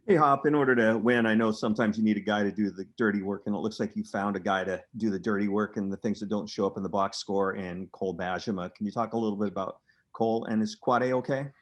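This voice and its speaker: A male sports reporter asking a coach a question at a press conference, getting quickly to the point. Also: lowish voice.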